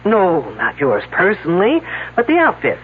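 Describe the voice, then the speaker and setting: An actress plays a skeptical, persistent woman detective in a mystery drama, questioning and commenting in a dry, sarcastic, brisk and probing way. Her fairly low voice swings hugely in pitch at normal speed, heard through noisy, narrow, phone-like old broadcast audio.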